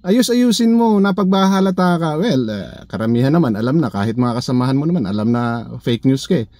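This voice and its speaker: A man's voice: medium pitch, sing-song, brisk, a little mellow, dry recording. A man giving sarcastic, needling reaction commentary in his vlog, full of rhetorical questions. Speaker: vlogger.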